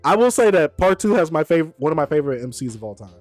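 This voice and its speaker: A man hosting a live stream, chatting casually, animated and argumentative, often repeating himself. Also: on the high side, fast talker, no room sound, faint music behind. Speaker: streamer host.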